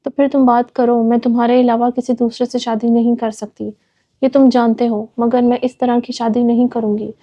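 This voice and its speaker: A woman's voice: on the high side, level tone, dark tone, dull audio, lightly acted. Defiant young woman, read by a woman. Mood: firm. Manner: firm, insistent.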